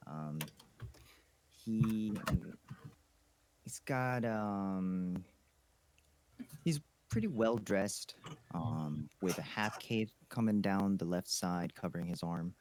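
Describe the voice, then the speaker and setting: Deep-voiced halting man. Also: animated, a little mellow. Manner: halting, many ums. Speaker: tabletop game player. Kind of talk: casual chat describing a character.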